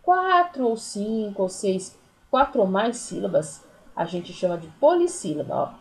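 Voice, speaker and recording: A woman teaching primary pupils remotely, with a Brazilian Portuguese accent, explains the lesson patiently, counting syllables out loud and sprinkling in diminutives. Her mid-range voice swings widely in pitch while her pace stays measured. Audio quality is poor.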